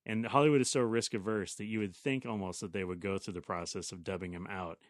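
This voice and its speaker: Chatty, low-voiced male podcast co-host. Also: fairly even intonation, fast, no room sound, clean studio sound. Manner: chatty and opinionated, addresses listeners. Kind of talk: casual chat about films.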